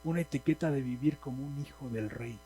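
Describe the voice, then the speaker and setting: A man with a Mexican Spanish accent preaches a sermon in a church hall, speaking emphatically and putting questions to the congregation. His mid-range voice is brisk and warm. The audio is poor, with a little hiss or hum.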